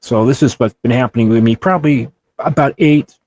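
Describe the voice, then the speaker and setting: A man in his sixties with a voice of ordinary pitch, talking in a loose, rambling way. He tells his personal experiences earnestly as a co-host in a relaxed conversation. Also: fairly quick. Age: 60s. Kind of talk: casual chat.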